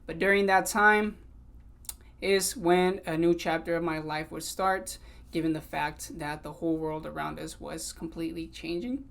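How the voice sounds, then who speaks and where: His voice is a little high and a bit bright, with vocal fry, fairly even intonation and a normal pace. The speaker, a man in his twenties from Sacramento who was also raised in Mexico, hosts a solo podcast, conversing earnestly and alternating English and Spanish.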